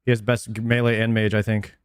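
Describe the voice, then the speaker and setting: A man's voice: on the low side, flat delivery, a little fast, clean tone, dry recording, clean studio sound. A man chatting casually on a game livestream in hyped, slangy frat-bro talk. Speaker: game streamer. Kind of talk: casual livestream gaming chat.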